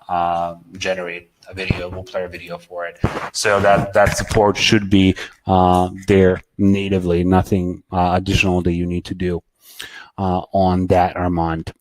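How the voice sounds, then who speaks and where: Man hosting a halting live webinar. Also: low-pitched. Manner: halting, many fillers and repeated words, reads out attendee questions. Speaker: webinar host answering product questions. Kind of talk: casual live Q&A webinar with screen demo.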